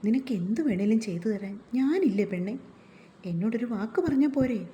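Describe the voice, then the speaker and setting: A woman voicing a caring young husband who speaks gently and coaxingly in a read-aloud story. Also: fairly high pitch, animated, moderate pace, lo-fi sound, close to an everyday voice. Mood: tender.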